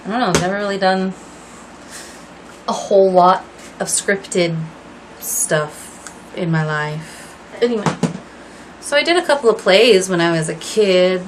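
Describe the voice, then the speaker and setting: A woman's voice: medium pitch, noisy background. A woman in her thirties chatting casually to camera at home while dyeing her hair, rambling and apologetic with lots of fillers. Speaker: vlogger.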